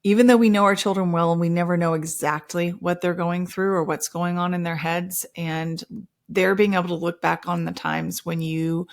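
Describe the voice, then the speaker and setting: A woman's voice: lowish voice, steady tone, normal speed, gravelly. Chatty woman hosting a mom podcast. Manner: chatty, personal storytelling with playful acted-out quotes. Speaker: podcast host; mother of several children. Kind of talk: casual podcast monologue.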